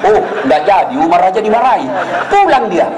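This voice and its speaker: High-voiced joking preacher in an echoey hall. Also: male voice, fairly quick, a crowd in the background. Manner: lively storytelling with voiced characters and jokes. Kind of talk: humorous sermon. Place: hall with live audience. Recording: echoey hall with faint noise.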